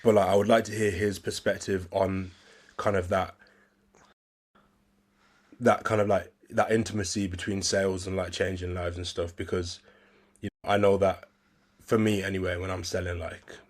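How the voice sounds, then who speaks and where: A man's voice: low voice, flat delivery, moderate pace, long pauses. A man who is a podcast guest, talking loosely with lots of "like" and "bro". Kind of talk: casual podcast chat.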